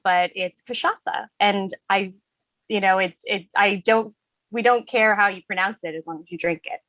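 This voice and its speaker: A woman talks in a casual podcast interview as a guest who founded her own company. She tells stories with animation and restarts her phrases as she goes. Her voice sits at an ordinary pitch and sounds close and dry, with no room echo. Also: steady tone, normal speed, fairly bright tone.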